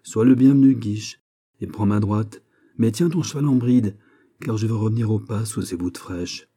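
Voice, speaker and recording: Brief: male reader doing a jovial, mocking young prince in a storybook reading, dark husky timbre, unhurried. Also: lowish voice, natural voice. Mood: teasing jovial. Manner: teasing, laughing, lordly.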